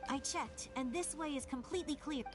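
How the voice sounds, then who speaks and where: A woman's voice: high voice, fairly quick, faint music behind, natural voice. A woman voicing a spirited, cheeky young girl adventurer in a video game. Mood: scheming.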